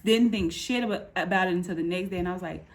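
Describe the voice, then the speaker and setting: This thirty-year-old vlogger has a lowish voice and talks fast. Sitting indoors in an apartment room, she gives a casual personal update with a candid, informal, slangy manner, retelling things animatedly and quoting asides.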